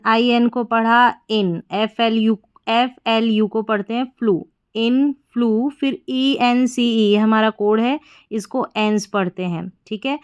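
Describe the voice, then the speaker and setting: A woman's voice: medium pitch, smooth. A woman teaching English reading, spelling words out letter by letter and then blending them into the full word. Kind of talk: slow spelling-out lesson.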